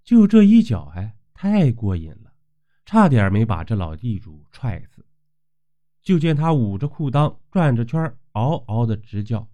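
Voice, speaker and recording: A man narrating a folk tale in a lively, expressive way, with frequent exclamations. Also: medium pitch, measured pace. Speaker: storyteller. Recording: dull lo-fi recording.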